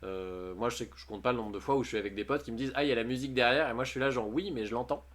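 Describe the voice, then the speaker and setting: Rapid-fire and mid-range, a streamer's voice runs through posts he reads aloud on a livestream, with chatty, jokey commentary and plenty of laughs.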